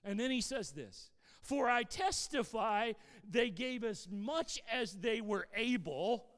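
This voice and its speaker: Male pastor preaching with fervent energy, high voice, long hall reverb. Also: slow. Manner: animated preaching, swings between shouting emphasis and quiet asides. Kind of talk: sermon.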